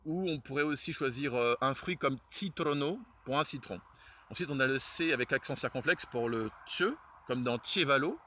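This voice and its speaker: Out in the cold, a man who loves Esperanto gives a casual spoken lesson on its alphabet, shivering a little. His medium-pitched voice is pushed and bright at a moderate pace, and he hesitates often, full of fillers and self-corrections.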